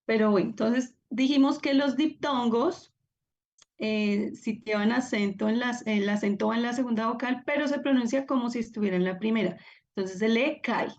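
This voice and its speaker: A woman's voice: on the high side, normal speed, darkish tone, lo-fi sound. A woman teaching a live online class, encouraging and upbeat as she calls on students by name over a video call. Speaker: Biblical Greek teacher.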